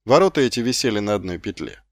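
A man narrating an audiobook in measured, expressive storytelling. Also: lowish voice, dry recording.

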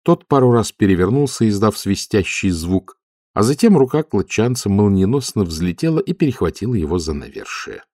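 Low-voiced man narrating a novel. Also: very animated, normal speed, warm tone, no echo, studio quality. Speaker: audiobook narrator. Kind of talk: scripted narration.

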